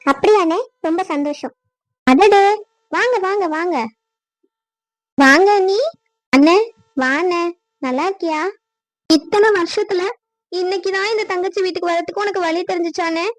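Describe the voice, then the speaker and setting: Emotional, pleading village women in a cartoon, voiced by a woman. The voice is very high, almost childlike, and every line leans on feeling. The sound is dry and close, with no room around it. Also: moderate pace, pauses often, dry recording. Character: adult village women, sisters and wives. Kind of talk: cartoon dubbing.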